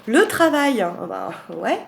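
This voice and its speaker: A woman's voice: sits high, very animated, slow, gravelly, slight background noise. A woman in a casual chat, presenting tarot cards one by one, rambling with fillers and asides and lifting her voice on each card name. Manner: announces card names with lifted emphasis. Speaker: tarot reader presenting a deck.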